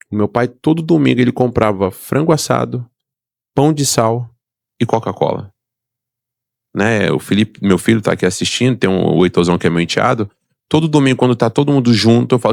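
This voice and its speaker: Middle-aged man, Brazilian Portuguese accent, gravelly voice, rapid delivery, emphatic motivational storytelling, close dry mic. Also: lowish voice, darkish tone, no room sound. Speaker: podcast guest, entrepreneur. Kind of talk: personal storytelling in a podcast interview.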